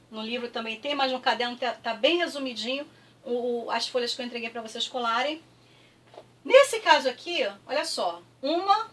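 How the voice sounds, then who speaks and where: Brief: Brazilian woman teacher, high voice, patient, drills syllables slowly, mic set back from her. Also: fairly bright tone, distant mic. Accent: Brazilian Portuguese. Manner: patient, repeats words slowly with clapping, frequent "tá?" checks. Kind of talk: classroom review lesson.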